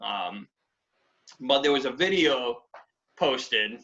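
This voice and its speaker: A man's voice: slow pace, dull audio. A man from New England hosting a casual podcast chat, swearing freely and acting out quotes in raised voices. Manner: swearing, animated, acts out quotes in high voices. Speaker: podcast host.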